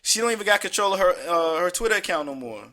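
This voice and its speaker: A man's voice: high-pitched, expressive, quick pace, sharp tone. A man, hosting a casual podcast chat, talking in profane street slang and telling stories with animation. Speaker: podcast host.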